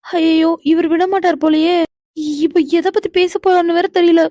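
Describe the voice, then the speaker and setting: A woman's voice: very high-pitched, little pitch movement, normal speed, dark tone, no echo. A woman voicing a flustered young woman in a cartoon, stammering and jittery. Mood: nervous. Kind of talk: animated cartoon dialogue.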